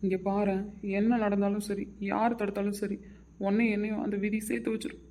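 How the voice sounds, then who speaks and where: A man playing a desperate young husband who pleads and shouts in an amateur audio drama. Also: sits high, flat delivery, brisk. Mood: tender.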